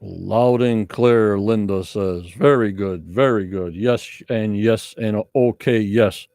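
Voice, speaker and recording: A man's voice: lowish voice, slow, darkish tone, no echo. Casual male livestream host, close dry sound. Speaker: host of a live podcast. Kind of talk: casual livestream chat with viewers.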